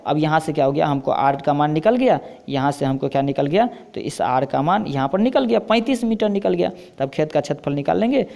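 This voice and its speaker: A man's voice: on the high side, animated, a little fast, vocal fry, few pauses, a little mellow. A man with a Bihari Hindi accent teaching maths, explaining step by step and asking himself questions as he goes. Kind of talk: blackboard lesson.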